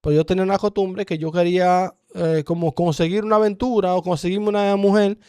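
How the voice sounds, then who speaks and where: Dominican man, guest testimony, earnest storyteller, high voice, dry close sound. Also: steady tone, fairly quick, a little mellow, clean tone, dry recording. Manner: earnest storyteller, acts out dialogue. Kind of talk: personal testimony in conversation.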